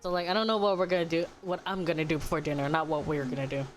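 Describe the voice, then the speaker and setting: A woman's voice: sits low, steady tone, rapid-fire, faint music behind. A woman streamer chatting casually while gaming, ranting with lots of swearing and frequent laughter. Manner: foul-mouthed, ranting, laughs often.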